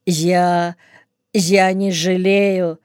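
A woman voicing a desperate young male soldier who shouts and pleads in bursts, in an audiobook. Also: fairly low pitch, flat delivery, drawn-out words, clear, resonant tone, dry recording, studio quality. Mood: shaken.

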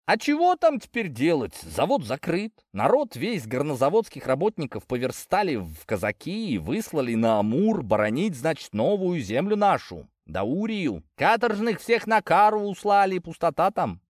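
A man voicing a sly, mocking young peasant in an audiobook, his voice pitched well above his own. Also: sing-song, moderate pace, few pauses, no echo, clean studio sound. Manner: high-pitched, needling.

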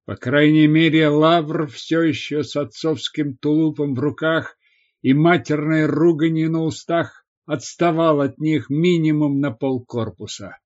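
A man narrating an audiobook in a measured, expressive scripted reading. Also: fairly high pitch. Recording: slightly dull lo-fi recording.

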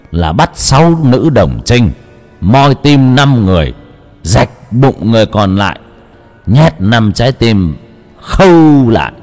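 Man putting on an old male head monk, grave and scolding, deep voice, lively pitch. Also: heavily acted. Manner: slow, heavy, drawn-out lamenting speech.

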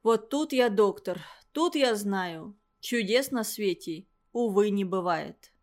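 A woman reading the lines of a grieving middle-aged male village doctor, speaking in pained, halting phrases. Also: mid-range voice, lively intonation. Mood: anguished.

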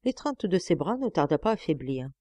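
Woman audiobook narrator, expressive first-person reading, mellow voice, close dry mic. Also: on the low side, a little fast, no echo. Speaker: audiobook reader.

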